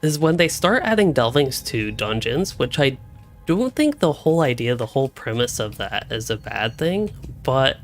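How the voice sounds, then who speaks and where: A hiccuping young man, a gaming streamer, thinks aloud while he plays, rambling through casual live commentary from a room at home on a desk microphone. His voice is mid-range.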